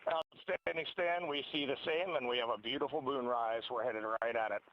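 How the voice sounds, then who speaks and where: A man's voice: medium pitch, moderate pace. A male astronaut giving terse, clipped callouts over a crackly, breaking-up space-to-ground radio link. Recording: muffled noisy radio link.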